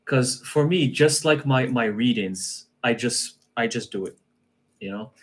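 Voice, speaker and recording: A man talking casually in a live-stream conversation, relaxed, laughing often and repeating his phrases. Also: mid-range voice, unhurried. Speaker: guest practitioner.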